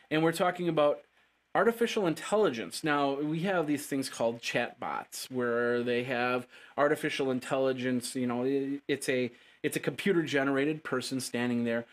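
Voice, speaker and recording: A man hosting a casual tech news show, chatty and upbeat, often stumbling and restarting his phrases. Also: mid-range voice.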